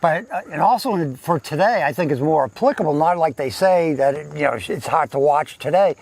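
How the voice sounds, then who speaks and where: A man's voice: fairly high pitch, animated, a little fast, darkish tone. A man co-hosting a podcast in casual chat, retelling a TV episode and acting out lines in a raised voice. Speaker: podcast co-host.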